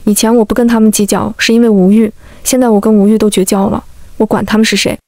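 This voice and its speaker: A woman reading a first-person emotional story as scripted narration, in a calm, steady manner. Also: mid-range voice, fast talker, dry recording, studio quality.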